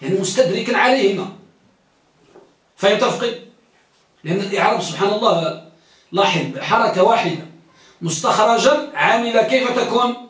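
A man's voice: sits high, a little fast, pauses often, fairly bright tone. A man teaching a classroom lecture who quizzes his students and repeats key phrases. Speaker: teacher of hadith studies. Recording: very echoey room, distant mic.

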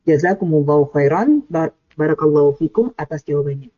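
Male moderator, polite question reader, mellow, slightly higher voice, dull dry sound. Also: animated, a little fast, no echo. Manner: polite, formal courtesies. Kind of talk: reading questions aloud. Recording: dull muffled dry recording.

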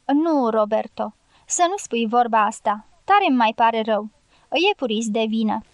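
A woman's voice: a little high, lively intonation, no echo. A woman reading an audiobook voices a cheerful, fawning male guerrilla hunter who exclaims and wheedles. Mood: lamenting.

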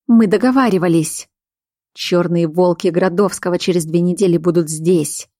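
A woman's voice: fairly low pitch, normal speed, dark tone, dry recording, clean studio sound, lightly acted. A woman reading the part of a domineering male werewolf pack leader, curt and commanding in an audiobook. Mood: cold. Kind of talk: audiobook character voice.

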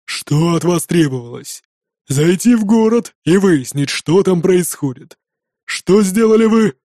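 A man's voice: a little high, animated, a little slow, warm tone, no room sound, studio quality. A man voicing a hot-tempered, sarcastic male viking rower in an audiobook, sneering and hammering every word. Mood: scolding. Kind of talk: audiobook character voice.

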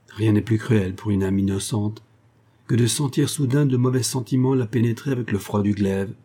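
A man reading a classic story aloud as audiobook narrator, measured and expressive. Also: medium pitch.

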